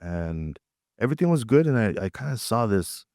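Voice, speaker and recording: Deep-voiced Tanzanian-born man. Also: moderate pace, no room sound, studio quality. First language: Swahili. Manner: reflective, relaxed, with frequent fillers. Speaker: guest artist. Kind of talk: casual interview storytelling. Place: art gallery.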